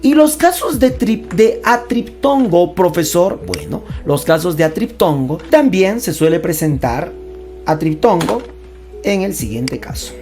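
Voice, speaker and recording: A woman teaches a playful grammar lesson with a lively voice that swings widely in pitch, set a little low for a woman. She stretches words out slowly and stresses each sound, adding chatty jokes along the way. Soft music plays underneath. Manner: chatty and joking, with asides. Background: faint background music.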